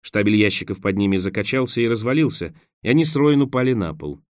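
A man narrating an adventure novel as an audiobook, steady and measured. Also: fairly low pitch, dry recording, clean studio sound. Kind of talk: scripted narration.

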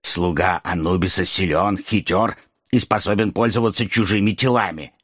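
A fawning, conniving dwarf courtier in an audiobook drama. The voice is low and husky, each line bowing and scheming at once. Dry, close sound. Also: male voice, normal speed, fairly bright tone, dry recording. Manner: servile, scheming, obsequious. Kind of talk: audiobook character reading.

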